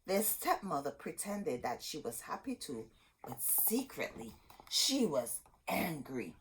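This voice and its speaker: A deep-voiced woman reads a picture book aloud at a children's storytime, and the audio is poor with slight background noise. Animated and deliberate, she brings the story to life and talks straight to the young children listening.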